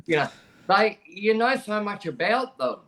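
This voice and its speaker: A man's voice: high-pitched, big pitch swings, a little slow, fairly bright tone. A middle-aged Australian man telling a personal story frankly as a podcast guest, talking plainly and often restarting his sentences. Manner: conversational, frank, plain-spoken with frequent restarts.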